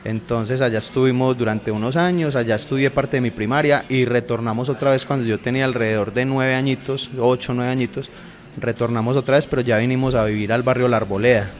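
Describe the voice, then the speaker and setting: A Colombian man in his thirties, a podcast guest chatting casually and telling his own story in a relaxed way. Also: medium pitch, fast talker. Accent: Colombian Spanish. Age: 30s. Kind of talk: casual interview chat.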